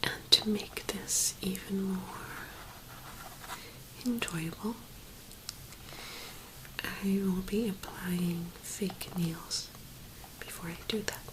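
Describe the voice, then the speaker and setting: A woman speaking in a soft, hushed whisper, gently presenting an ASMR tapping video. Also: mid-range voice, fairly even intonation, takes it slowly, pauses often, background noise.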